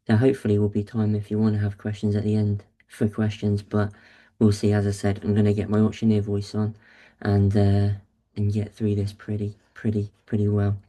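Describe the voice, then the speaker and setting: Mellow-voiced man hosting a webinar. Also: fairly low pitch, completely flat delivery, brisk. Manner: casual, upbeat presenter with fillers. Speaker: webinar host, agency founder. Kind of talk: presenting a business webinar.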